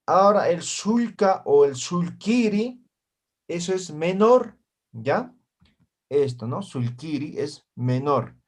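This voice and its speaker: Online class teacher, male, patient and repetitive, slow delivery, video-call sound. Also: fairly high pitch, sing-song. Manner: slow, repeats words and checks with "¿ya?" and "¿no ve?". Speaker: Aymara language teacher.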